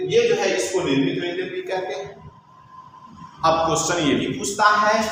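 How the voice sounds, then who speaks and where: A man's voice: a little high, background noise. A male teacher giving a step-by-step classroom lecture, asking and answering his own questions and repeating key terms. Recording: echoey room with long reverb.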